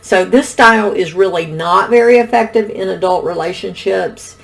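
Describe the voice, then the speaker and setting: A middle-aged woman explaining communication styles in a calm, instructional video lesson. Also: medium pitch, normal speed, gravelly. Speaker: relationship educator.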